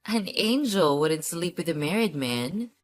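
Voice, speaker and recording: A woman's voice: lowish voice, animated, unhurried, soft background music. A woman acting a cool, sarcastic betrayed ex-wife in a scripted story, speaking in a cold, curt, dry manner. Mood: dry sarcasm.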